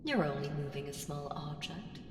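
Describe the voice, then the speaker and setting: A woman voices an ancient evil entity for an ASMR roleplay, speaking deliberately and drifting into whispers as she coaxes, condescends, commands and seduces. Her voice sits low and stays close to an everyday sound, with music playing in the background. The space has a long, roomy reverb and clear background noise.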